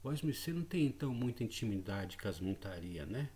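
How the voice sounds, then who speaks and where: Man putting on a slow, courtly old spirit. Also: on the low side, very animated, darkish tone. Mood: solemn. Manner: slow, formal old-fashioned speech. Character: old male spirit speaking through a horseman, courtly, archaic.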